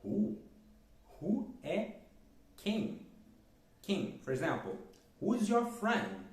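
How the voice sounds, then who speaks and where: A man teaching English, repeating key words and reading the example sentences slowly. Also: high voice, huge pitch swings. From Brazil. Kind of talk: explaining English lessons in Portuguese. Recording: roomy echo.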